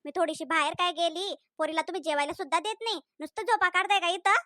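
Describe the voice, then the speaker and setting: A sharp-tongued cartoon granny, voiced by a performer, scolding and sarcastic, pitched lower than the others. Her voice is dry and close to the mic. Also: quick pace, no room sound. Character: scolding, mocking old grandmother. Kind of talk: cartoon voice acting.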